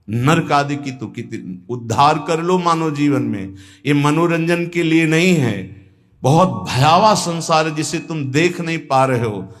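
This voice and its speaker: A man giving a devotional sermon, speaking deliberately and breaking into sung verses. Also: fairly high pitch, a bit bright. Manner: slow, chants Sanskrit verses in a sung tone. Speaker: spiritual preacher.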